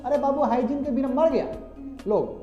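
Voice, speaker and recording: A man's voice: very high-pitched, moderate pace, mellow, soft background music. A man lecturing a class, chatty, calling on students directly and mixing in English terms. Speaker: teacher. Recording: echoey classroom, slightly dull.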